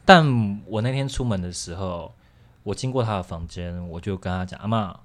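This young man has a low, expressive voice and a Taiwanese Mandarin accent, and he speaks at a moderate pace. He recounts something personal on a chat show in a candid, rambling way, restarting often and laughing a lot.

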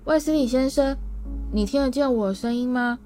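A woman's voice: on the high side, moderate pace, darkish tone, soft background music, close to an everyday voice. A woman voicing a polite teenage boy wizard who talks earnestly while holding back laughter.

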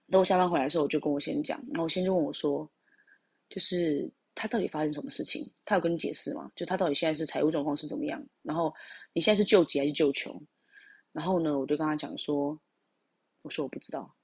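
A woman's voice: deep voice, vocal fry, a little mellow, slightly rough, no room sound. A woman telling a personal story in a casual, rambling way, full of fillers and asides to her listeners.

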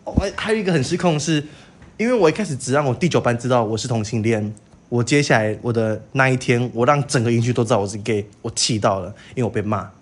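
A young man with a Taiwanese Mandarin accent, co-hosting a podcast and telling a story in a campy, animated way, acting out other people's lines and laughing often. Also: medium pitch, quick pace. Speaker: podcast co-host. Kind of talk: casual storytelling chat.

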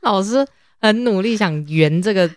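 A woman's voice: mid-range voice, animated, moderate pace, no room sound, studio quality. A woman, co-hosting a casual podcast and throwing in teasing quips. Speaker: podcast co-host.

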